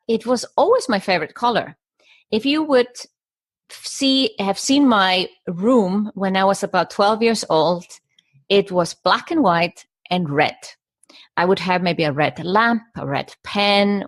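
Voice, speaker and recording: A middle-aged Icelandic woman, a business coach, is a guest on a podcast interview. Her medium-pitched voice is recorded dry, and she speaks in short stacked phrases with some fillers and restarts.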